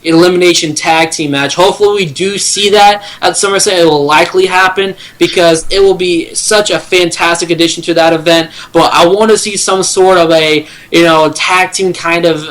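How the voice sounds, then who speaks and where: A man's voice: fairly high pitch, fairly even intonation, moderate pace, hardly any pauses, fairly bright tone, poor audio. A man co-hosting a casual sports talk review, rambling with lots of filler phrases. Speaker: co-host.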